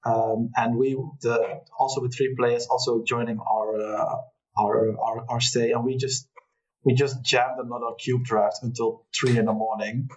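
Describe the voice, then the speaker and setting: A man with a Dutch accent, chatting casually as a podcast guest, halting with many restarts and frequent laughs. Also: medium pitch, flat delivery. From Netherlands. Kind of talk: casual chat. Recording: muffled lo-fi audio, far from the mic.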